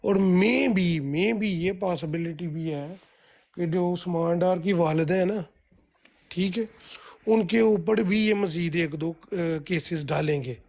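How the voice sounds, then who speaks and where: A man's voice: sits high, slow pace, darkish tone. A man in rambling, heated political commentary on a group call, full of restarts and fillers.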